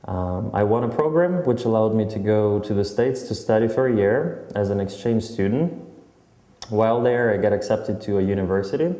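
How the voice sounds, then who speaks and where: A young man from Kyrgyzstan telling his life story calmly in a documentary interview, with some fillers. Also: on the low side. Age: young adult. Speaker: advertising account director.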